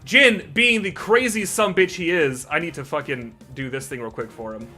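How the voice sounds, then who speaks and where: Male game master, bright and slightly high voice, cussing his way through combat, faint music behind. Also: normal speed. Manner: brash and profane, explaining rules. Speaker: dungeon master. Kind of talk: narrating a tabletop game.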